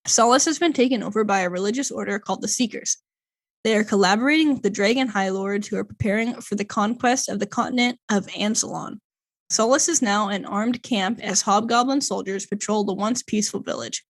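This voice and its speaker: Chatting casually as a podcast co-host, a woman reads through a long plot summary at a brisk pace and medium pitch. Odd names trip her up, and she uses a lot of fillers.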